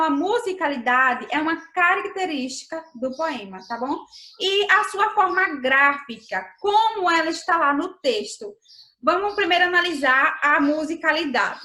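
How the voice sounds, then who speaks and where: A woman's voice: sits high, pushed and bright, reverberant. A Brazilian woman teaching a primary school class in a remote lesson, patient and explanatory, often checking in with the children. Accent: Brazilian Portuguese.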